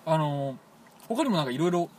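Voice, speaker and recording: A man from Toyama with a Toyama dialect, telling a rambling, animated story as a radio show co-host in casual chat. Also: fairly high pitch, normal speed. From Toyama, Japan. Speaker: podcast co-host.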